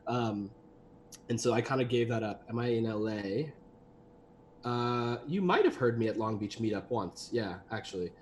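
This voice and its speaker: A man's voice: mid-range voice, normal speed. Young man, rambling casual talk, many fillers, livestream guest, faint hiss behind. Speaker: guest, voice actor and animator.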